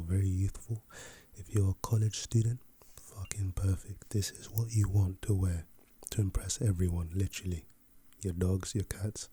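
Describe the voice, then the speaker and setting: A man playing a laid-back, chatty fragrance salesman in a soft, breathy ASMR role-play for ASMR, with an unhurried, casual patter. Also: low voice.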